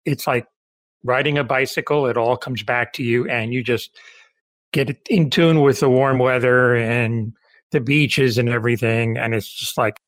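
A man from Cuba hosting an interview, speaking in a friendly, slightly halting way. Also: medium pitch, fairly even intonation, fairly bright tone, dry recording. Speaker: interview host. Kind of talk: casual interview chat.

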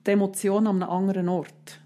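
A woman who calmly explains parenting advice, step by step, in a casual podcast chat. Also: medium pitch, fast talker.

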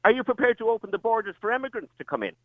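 This is a man with a west of Ireland accent calling in to a radio debate on a thin phone line. He talks fast and argues insistently, with a lively swing in his pitch. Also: crowd noise. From County Mayo, Ireland. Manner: insistent, argumentative. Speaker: radio phone-in caller, creche owner.

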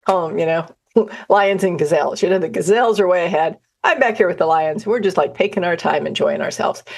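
A woman who guides outdoor trips, telling chatty personal stories in a self-deprecating way and acting out what people said. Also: lowish voice. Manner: acts out quoted dialogue with lively voices. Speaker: outdoor adventure guide and trainer. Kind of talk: personal storytelling talk.

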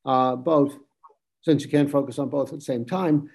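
A man's voice: mid-range voice, steady tone, moderate pace, darkish tone. A man moderating a professional discussion, explaining in a firm, instructive way.

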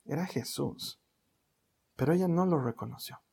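A man preaching a sermon in a gentle, conversational way, speaking straight to the listener. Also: fairly high pitch, normal speed, creaky, breathy edge.

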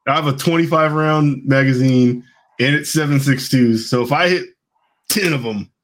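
A man co-hosting a casual chat, animated and joking, swearing freely. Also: medium pitch, normal speed.

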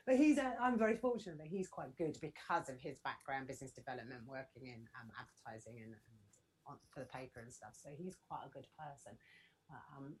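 A middle-aged woman, a business coach, chatting as a podcast guest in a lively, animated way. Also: a bass voice, fairly quick, breathy edge, poor audio. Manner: chatty and animated, laughs often. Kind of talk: casual podcast conversation.

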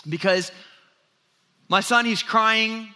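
A man in his thirties preaching a sermon, telling a story about his toddler son with lively, self-mocking energy and frequent restarts before turning earnest. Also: high-pitched, takes it slowly, smooth. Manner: animated storytelling with self-deprecating laughs and repeated restarts. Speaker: pastor.

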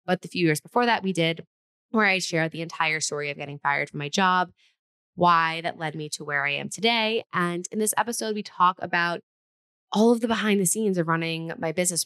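A woman hosting her own podcast, speaking in a tired, slightly winded, raspy voice and chatting in a rambling way that often restarts sentences. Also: lowish voice, a little fast, bright, forceful tone. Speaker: podcast host. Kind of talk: solo podcast intro then casual chat.

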